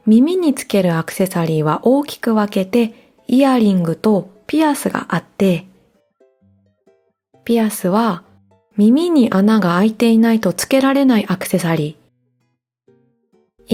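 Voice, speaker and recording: A woman hosts a learning podcast in a mellow, warm voice. She explains things clearly and gently in a calm, scripted way. Faint guitar music plays under her. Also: medium pitch. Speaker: podcast host.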